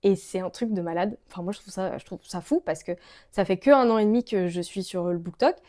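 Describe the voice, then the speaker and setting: A woman's voice: medium pitch, fairly quick, warm tone. A young woman with a French accent, chatting casually to camera about books as a vlogger, gushing and full of fillers. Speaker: book vlogger.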